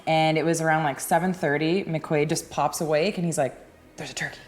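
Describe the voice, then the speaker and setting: A woman's voice: low-pitched, fairly even intonation, brisk, faint music behind. A woman hunter telling a hunting story in a casual way, laughing often.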